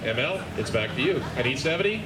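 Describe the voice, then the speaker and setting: A man's voice: mid-range voice, animated, fast talker. A man working as an auctioneer at a live event, calling out bids in repeated numbers and tossing joking asides to the bidders. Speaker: auctioneer at charity art and orchid auction. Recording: noisy crowded venue, loud background chatter.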